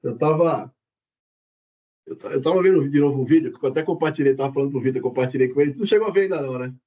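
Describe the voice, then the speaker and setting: A man in a prayer group, chatting and telling a story in an animated way. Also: medium pitch, racing, lo-fi sound. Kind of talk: casual chat.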